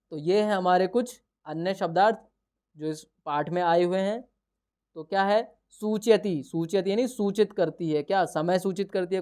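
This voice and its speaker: Smooth-voiced male teacher. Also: high voice, darkish tone. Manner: explains patiently and often checks in with the listener; poses questions and answers them himself. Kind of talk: explaining a school lesson.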